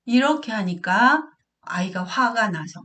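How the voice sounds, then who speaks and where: A woman's voice: fairly high pitch, animated, a little slow, sharp tone. A middle-aged woman lecturing parents as a counselor. She asks questions and answers them herself. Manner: acts out quotes of parent and child in a raised voice.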